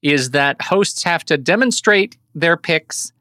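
A man hosting a casual movie podcast, playful and quick to laugh. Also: on the high side, animated, pushed and bright, dry recording, studio quality. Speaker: podcast host.

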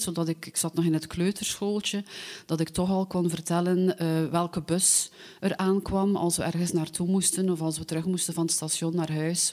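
A woman with a Flemish accent telling a personal story aloud, lively but with frequent hesitations and fillers. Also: on the low side. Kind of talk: personal anecdote told aloud.

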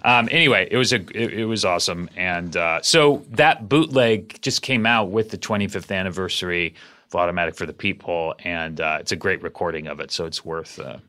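A middle-aged man co-hosting a comedy podcast, chatting casually with relaxed, deadpan jokes. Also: sits low, brisk. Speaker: podcast co-host.

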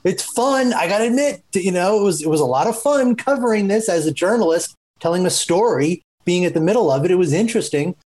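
A man, a journalist, speaking thoughtfully on a panel discussion, often pausing with asides. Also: sits high, expressive, darkish tone, low-quality recording. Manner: reflective, hedging with asides. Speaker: journalist guest.

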